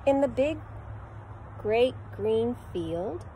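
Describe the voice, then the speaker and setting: A middle-aged preschool teacher reads a picture book to children in a sing-song voice, now and then making animal sounds. Her voice is a little high and mellow, with lively intonation and drawn-out words. She was recorded on a phone camera held at arm's length on an outdoor backyard deck, and the low-quality audio carries a little hiss or hum.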